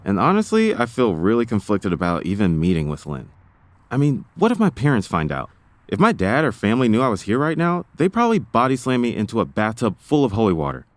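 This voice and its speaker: A man's voice: fairly low pitch, wildly swooping pitch, quick pace, dry recording. A man from North Carolina hosting a narrated documentary podcast, telling it with wry, self-deprecating humor. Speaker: podcast host.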